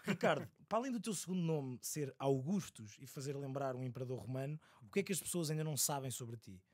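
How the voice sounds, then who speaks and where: A man's voice: mid-range voice, lively intonation, fast, a little mellow, husky, no echo. A man hosting a podcast interview, asking questions and throwing in teasing jokes. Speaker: podcast host.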